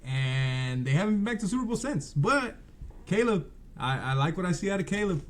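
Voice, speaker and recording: A man from California joins a podcast as a guest, speaking in a slightly higher voice. He is enthusiastic and easygoing in casual conversation. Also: big pitch swings, normal speed. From California, United States. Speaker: guest, sports reporter. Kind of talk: casual interview chat.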